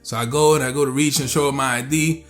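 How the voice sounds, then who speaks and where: A man's voice: medium pitch, fairly even intonation, fast talker, faint music behind. A young man telling a personal story in a laid-back, slangy way, full of "you know" and "like". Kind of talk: casual spoken anecdote.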